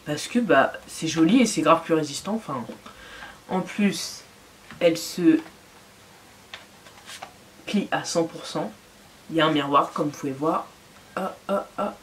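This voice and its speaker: A woman's voice: sits low, a little slow, pauses often, slight background noise. A young adult woman chatting enthusiastically in a casual fashion and beauty haul vlog, with lots of fillers. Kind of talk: casual haul video chat.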